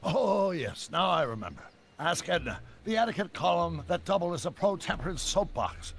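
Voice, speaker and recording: An actor playing an older, excitable male scientist who rambles through long explanations. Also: sits high, moderate pace, slight background noise, exaggerated voice. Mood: chatty.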